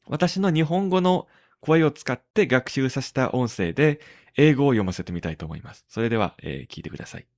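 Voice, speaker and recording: Halting man hosting a tech podcast. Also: mid-range voice, lively intonation, dry recording, studio quality. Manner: halting, many drawn-out fillers between phrases. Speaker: podcast host. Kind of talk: casual tech podcast talk.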